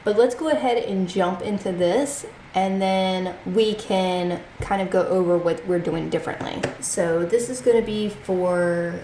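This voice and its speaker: A budgeting channel host with a congested, mellow, mid-pitched voice chats casually through her weekly budget, reading the figures out slowly. The echoey room makes her ring a little, and a faint hum sits in the background.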